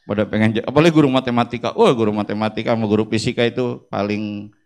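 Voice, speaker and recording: A middle-aged man, a school principal giving a lively, joking workshop talk to teachers in an auditorium. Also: fairly low pitch, fast. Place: auditorium with audience.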